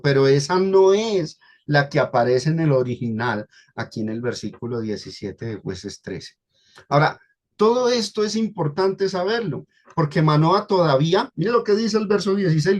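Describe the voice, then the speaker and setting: A Colombian man preaching a Bible study to a congregation. His voice sits fairly high, and he speaks in a teaching manner. He slows down on key words and repeats them for emphasis.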